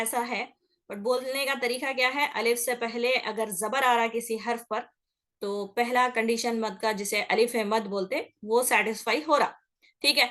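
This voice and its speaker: Lady recitation teacher, patient, keeps checking in, stretches sounds out to show them, bright tone. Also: a little high. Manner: patient, repeats "okay" checks and drawls out sounds to demonstrate. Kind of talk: explanatory classroom lesson.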